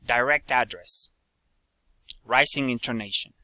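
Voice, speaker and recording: A man, a phonetics student, carefully reading word lists and practice sentences aloud in a deliberate drill style. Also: medium pitch, bright, forceful tone, no room sound.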